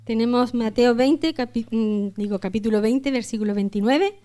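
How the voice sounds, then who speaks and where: Woman pastor, fairly high voice. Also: normal speed. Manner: reads aloud with feeling, raising her voice on the cries of the blind men; softer, hushed tone when praying. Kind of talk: scripture reading and prayer.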